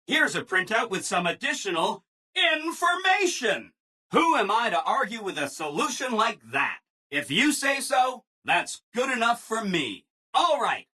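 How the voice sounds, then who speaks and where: A man's voice: sits high, pushed and bright, slightly rough, full character voice. A man voicing a relentlessly cheerful, eager-to-please robot assistant in a video game, with chirpy, over-agreeable salesman enthusiasm. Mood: gleeful, excited. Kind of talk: video game character voice lines.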